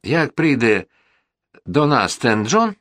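Male reader doing a headstrong young girl, broken Russian, raised pitch, dry. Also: big pitch swings, slow, fairly bright tone, no room sound. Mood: pleading. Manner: mixes Polish words into broken Russian. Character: spirited young foreign girl, stubborn.

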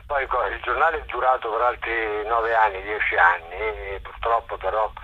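Heard over a dull, telephone-like radio interview line, a middle-aged man from Molise, Italy, speaks informally as a guest and the general coordinator of a walking event. His lowish, husky voice keeps a steady tone at normal speed as he hesitates, corrects himself, and tells his story in a chatty way.

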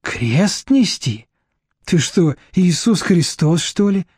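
Guy reading a sharp-tongued middle-aged lady in an audiobook, dry mocking tone, close dry sound. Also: on the high side, animated, measured pace, no echo. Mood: sardonic. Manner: blunt, sardonic. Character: shrewd middle-aged woman, blunt and sardonic.

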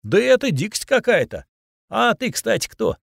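A man's voice: high-pitched, wildly swooping pitch, normal speed, vocal fry, a bit bright, dry recording, studio quality, voice pushed up, exaggerated voice. A man playing a blunt mustached storekeeper.

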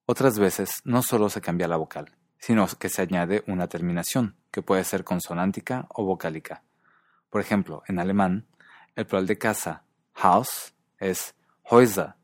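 Man, scripted lesson narration, measured and careful, deep voice, dry sound. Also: dry recording. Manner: calm, measured, pronounces foreign example words carefully. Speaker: narrator of a language video.

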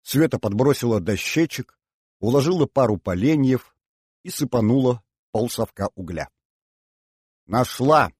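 A man reading an audiobook aloud in measured, scripted narration. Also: medium pitch, warm tone, husky, dry recording, clean studio sound.

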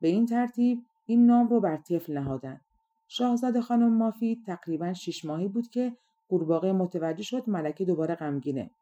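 A woman narrating a fairy tale audiobook in a calm, measured storytelling manner. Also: fairly low pitch.

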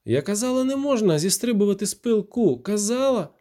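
A man's voice: high-pitched, animated, fairly quick, mellow, pitched above the performer's own voice. A man voicing a brusque young woman medic in an audiobook, curt and scolding, barking orders.

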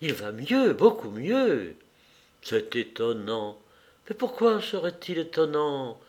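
Figure: gentle anxious brother read by a man. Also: on the high side, sing-song, slow, full character voice. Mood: hopeful, gentle. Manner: soft, whispered to himself.

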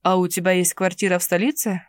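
A woman's voice: on the low side, fairly even intonation, fast, no echo, studio quality, lightly acted. Woman doing a curt, stern male inquisitor. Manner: curt, ironic and commanding. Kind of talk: audiobook character reading.

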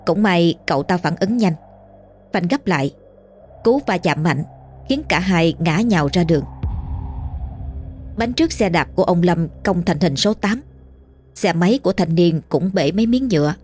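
A woman reading a ghost story as scripted narration, steady and measured. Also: lowish voice, husky. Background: faint music.

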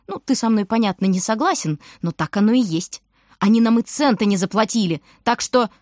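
A woman's voice: lively intonation, brisk, darkish tone, no room sound, studio quality, natural voice. A woman voicing a nosy, gossiping middle-aged grocer's wife who shrieks and pries. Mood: scornful. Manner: shrill, shrieking, prying. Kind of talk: audiobook character voice.

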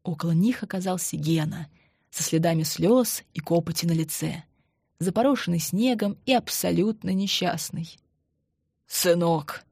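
A woman narrating an audiobook in a measured, matter-of-fact way. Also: on the low side, gravelly, a little mellow, slightly rough, no room sound, studio quality. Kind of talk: scripted narration.

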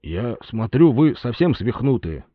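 A man's voice: mid-range voice, big pitch swings, unhurried, dry recording, highs cut off. A man voicing a frightened, middle-aged drunk projectionist who mumbles apologetically in an audiobook. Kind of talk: audiobook character voice.

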